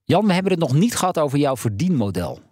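A man hosting a talk show, briskly introducing guests and passing on questions. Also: fairly high pitch, big pitch swings, darkish tone, no room sound, studio quality. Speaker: host.

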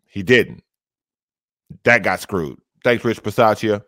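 A man's voice: fairly low pitch, slow, sharp tone, no echo, clean studio sound. A man co-hosting a sports talk show, arguing emphatically and repeating his points, heard through an overloaded, distorting laptop microphone. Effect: distorted, overloaded laptop mic. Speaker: sports radio co-host. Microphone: laptop microphone, too close.

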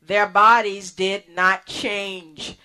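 A woman hosting a radio ministry program, preaching in a slow, earnest way with pauses and restarts. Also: mid-range voice, level tone, sharp tone, smooth. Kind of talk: sermon.

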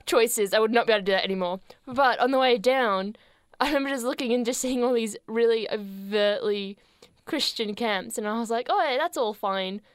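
A young Australian woman co-hosting a radio show in a studio, chatting casually with a playful, sarcastic humour and quick laughs. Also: on the high side, smooth, dry recording. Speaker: radio co-host.

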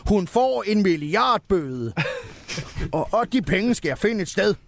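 A man's voice: high voice, very animated, vocal fry, no room sound, pitched above the performer's own voice, heavily acted. A man voicing a furious, melodramatic Santa Claus in a comedic Christmas tale. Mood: ranting. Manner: ranting, grandly dramatic. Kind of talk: comedic storytelling.

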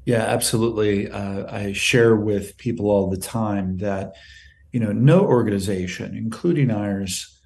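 A man's voice: lowish voice, measured pace, vocal fry, a little mellow. A man, head of a nonprofit, telling an emotional story in an interview and acting out both sides of past conversations. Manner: earnest, emotional, retells dialogue with quoted exchanges. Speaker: nonprofit CEO guest.

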